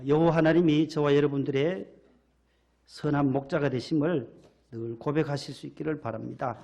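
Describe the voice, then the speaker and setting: A man's voice: fairly high pitch, gravelly, a little mellow. A male pastor giving a sermon in a church, in a conversational, folksy way.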